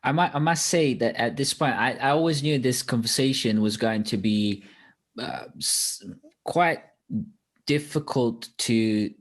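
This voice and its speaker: A man's voice: mid-range voice, a little slow. A man from Bosnia with a Bosnian accent, hosting a reflective interview and speaking hesitantly, with restarts and sighs. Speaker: host.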